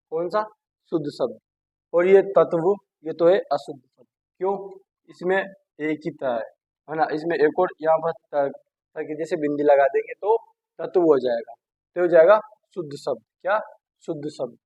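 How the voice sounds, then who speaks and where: A man's voice: a little high, darkish tone, no room sound. A male teacher giving a grammar lesson, who keeps asking "what?" and then answers himself by repeating the word. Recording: dull dry lo-fi sound.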